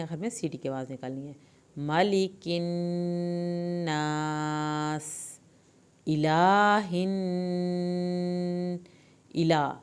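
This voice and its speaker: A woman's voice: deep voice, mellow. A woman teaching Quranic recitation with tajweed, explaining the pronunciation of each word patiently and step by step. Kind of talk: Quran recitation lesson with slow drawn-out recitation.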